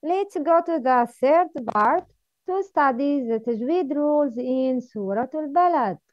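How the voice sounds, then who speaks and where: Female tajweed teacher, very slow and high-pitched, dry and dull close recording. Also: lively intonation, no echo. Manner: drills sounds by repeating them and contrasting right and wrong forms. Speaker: Quran recitation and tajweed teacher. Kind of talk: slow recitation and tajweed lesson.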